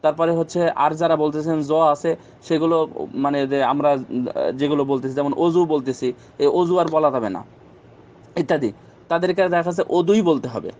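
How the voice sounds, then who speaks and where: A man speaks as an Islamic scholar answering listeners' questions. His delivery is measured and deliberate, with frequent hesitation fillers, and he repeats his key phrases for emphasis. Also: on the high side, a little mellow, dull audio. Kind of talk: religious question-and-answer talk.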